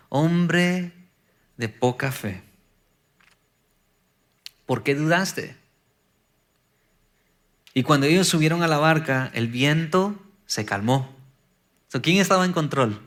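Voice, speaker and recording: A man's voice: on the high side, a bit bright. Emphatic Spanish-speaking male preacher. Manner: preaching with rising emphatic bursts and acted quotes. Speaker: pastor. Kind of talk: sermon.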